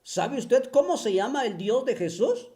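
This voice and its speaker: A mocking monologue from a speaker, slow and drawn out, the pitch swinging widely. The tone is dark and mellow, taunting the listener with repeated rhetorical questions and a scornful chuckle. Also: very animated. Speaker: online religion critic.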